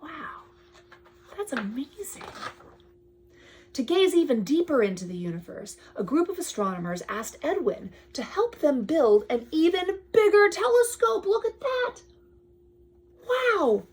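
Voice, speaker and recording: Reading aloud to a child, a woman with a high voice and measured pace adds chatty asides, sounding expressive and full of wonder and often dropping to a whisper.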